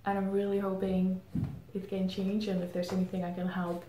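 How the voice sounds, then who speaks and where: Speaking as a guest in an interview, this marketing head from the Czech Republic reflects carefully, filling her pauses with many "um"s. Her medium-pitched voice has a dark tone and an entirely flat delivery. The recording, made in an indoor room against a plain grey backdrop, carries roomy echo and faint background noise.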